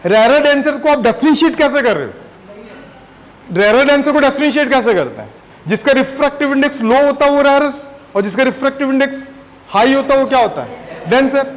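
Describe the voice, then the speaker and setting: A man's voice: extremely high pitch, low-quality recording. A man teaching physics in a classroom, often firing questions at his students. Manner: questioning the class often, mixing in English terms. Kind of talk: classroom lecture.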